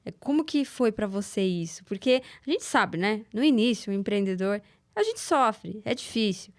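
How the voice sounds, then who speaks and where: A woman's voice: medium pitch, very animated, moderate pace. A woman hosting a podcast in a studio, asking curious and encouraging questions. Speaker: podcast host. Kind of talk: casual podcast interview.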